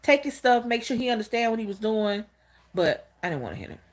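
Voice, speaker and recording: Lively fifties woman chatting with viewers. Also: a little high, a little fast. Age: 50s. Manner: candid, storytelling, talks straight to viewers. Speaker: channel host. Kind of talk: casual livestream talk greeting chat viewers.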